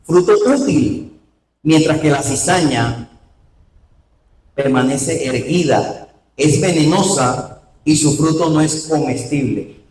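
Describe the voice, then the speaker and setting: A man preaching a sermon in a church, animated, with rhetorical questions to the congregation. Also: fairly high pitch. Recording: roomy hall, voice from far off.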